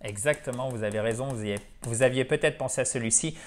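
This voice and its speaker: Guy teaching english, chatty, repeats words a lot, middle pitch. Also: fast talker. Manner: lively, chatty, drills words by repetition. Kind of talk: French-language English lesson.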